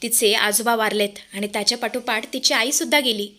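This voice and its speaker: A woman's voice: fairly high pitch, steady tone, a little fast, sharp tone. A woman voicing an earnest young daughter-in-law pleading with her father-in-law in a narrated TV-serial recap. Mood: explaining.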